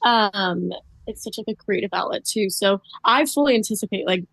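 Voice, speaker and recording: A woman's voice: medium pitch, normal speed, gravelly, a bit bright, dry recording. Chatty woman guest, dry sound. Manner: chatty, fills speech with "like" and "um". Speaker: interview guest. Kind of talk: casual podcast interview.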